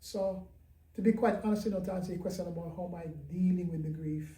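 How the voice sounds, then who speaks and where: A man, a pastor and gospel singer, talking in an interview in a reflective, halting and candid way. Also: high-pitched, dark tone. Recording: roomy sound from a distant mic.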